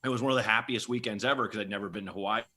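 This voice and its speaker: A man with a fairly low, sharp voice hosts a comedy podcast, talking at a rapid-fire pace. He chats casually and tells stories in a rambling, repetitive way full of comic banter.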